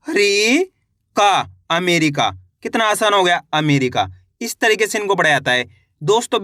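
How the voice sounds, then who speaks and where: A man's voice: high-pitched, bright, forceful tone, no echo, studio quality. A man teaching a reading lesson, sounding out each word one syllable at a time and then blending it, in a patient and encouraging way.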